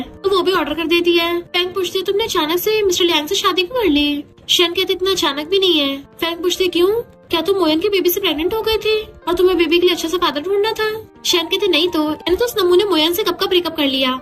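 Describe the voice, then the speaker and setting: A woman narrates a romance drama recap at a brisk, rapid clip, her voice sitting very high. She reads each character's quoted lines in the same narrating voice, with faint music running underneath. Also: fairly bright tone.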